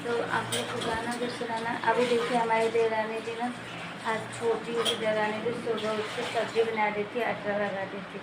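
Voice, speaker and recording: A woman's voice: on the high side, little pitch movement, normal speed. A woman vlogging at home while she cooks, chatting to her viewers and calling them guys. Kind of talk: casual cooking vlog. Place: home kitchen, indoors. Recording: echoey kitchen with background noise.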